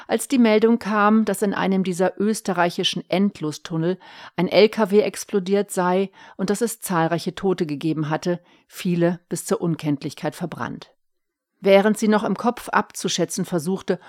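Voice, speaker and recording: A woman narrating a short story in a calm, even audiobook style. Her voice sits on the low side. The recording is close and dry. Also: no room sound. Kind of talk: audiobook reading.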